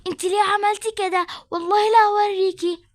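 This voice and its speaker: A woman's voice: extremely high pitch, fairly even intonation, fast, voice pushed up. A woman voicing a cruel woman who shrieks and fights off her arrest, with an Egyptian accent. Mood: shrieking. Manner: shrieking, hysterical.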